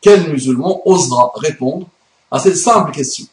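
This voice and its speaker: Speaking in an echoey room, this man rants about religion on his YouTube channel with emphatic indignation; Arabic is his first language. His somewhat mellow voice sits on the high side, sounds expressive, and keeps a normal speed.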